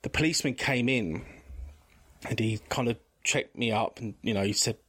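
A man's voice: mid-range voice, moderate pace, fairly bright tone, breathy edge. A man, a podcast guest telling a personal story candidly, rambling with frequent restarts. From England.

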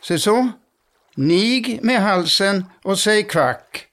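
A man's voice: high-pitched, fairly bright tone, voice pushed up. A man reading aloud, voicing a bossy, anxious mother duck who hurries and fusses. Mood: fussing. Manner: hurried, fussing, defensive.

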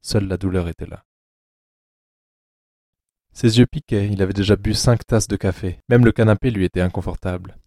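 A man narrating an audiobook-style drama in a measured, sombre reading. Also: on the low side, steady tone, warm tone, dry recording, clean studio sound.

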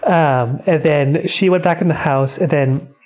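A woman's voice: sits low, a little slow, a little mellow. A young woman casually recapping a film as a co-host, rambling and swearing offhandedly. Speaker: podcast co-host.

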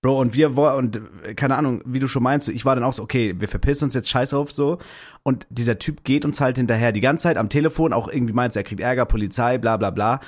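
A young man co-hosting a podcast, telling a story excitedly in slangy casual chat. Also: medium pitch, quick pace. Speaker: podcast co-host.

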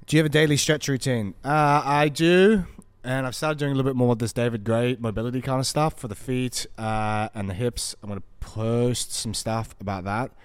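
A man's voice: mid-range voice, moderate pace, few pauses, clean tone, no echo. A man talking in a casual, blokey, informal way as a podcast co-host. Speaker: podcast co-host and jiu-jitsu practitioner. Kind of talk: casual chat.

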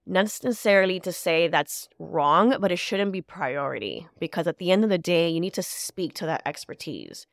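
A woman's voice: lowish voice, animated, normal speed, creaky, hardly any pauses, no room sound, studio quality. Nasal, congested woman hosting a podcast. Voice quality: nasal, stuffed-up. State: congested with a cold. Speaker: podcast host. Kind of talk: casual solo podcast talk.

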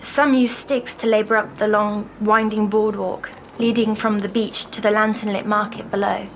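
A woman, softly recounting a dream as a patient in an audio drama. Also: medium pitch, little pitch movement, a little hiss or hum, close to an everyday voice, poor audio. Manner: soft, slow, dreamy recounting.

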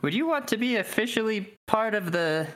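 A man's voice: sits high, expressive, brisk, fairly bright tone, voice pushed up. A man voicing an eager, naive young boy who rules a town, in a tabletop game, with a folksy drawl he has slipped into. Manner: folksy drawl picked up from another character.

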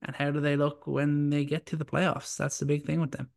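Male co-host, slightly raised pitch, even delivery, stammery but firm sports takes. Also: fairly quick, gravelly. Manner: stammering starts, then firm opinions. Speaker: podcast co-host. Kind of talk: casual sports talk.

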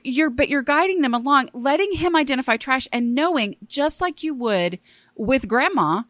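A woman's voice: a little high, a bit bright, dry recording. A woman hosting a casual solo podcast, talking in a chatty, self-deprecating way with rambling asides. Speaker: podcast host.

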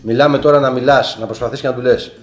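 A man's voice: medium pitch, fairly even intonation. Man in his forties, roomy echo. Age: 40s. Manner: argues at length, explaining points. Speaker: guest sports journalist. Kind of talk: casual podcast chat. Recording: roomy echo with faint music.

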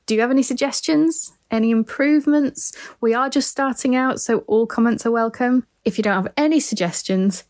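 A woman's voice: medium pitch, darkish tone. Chatty woman with a Mancunian-Yorkshire twang. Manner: chatty and informal, with fillers. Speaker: podcast host. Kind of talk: casual podcast chat.

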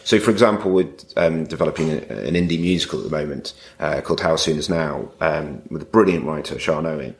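A man's voice: very deep voice, brisk, hardly any pauses. A man who co-runs a theatre company, speaking in casual interview talk and thinking aloud as he searches for words.

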